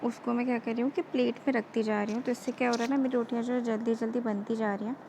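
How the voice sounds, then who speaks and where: A woman's voice: a little high, fairly even intonation, racing, gravelly, noisy background. A woman narrating her cooking vlog, explaining each step in a chatty way, her throat slightly sore. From India. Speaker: vlogger.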